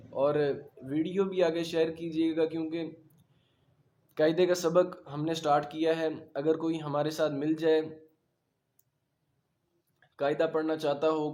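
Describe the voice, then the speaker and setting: Patient male instructor, a touch high-pitched, slow emphatic letter drills. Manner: patient, repeats letters slowly and loudly. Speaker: Quran reading teacher. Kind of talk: beginner recitation lesson.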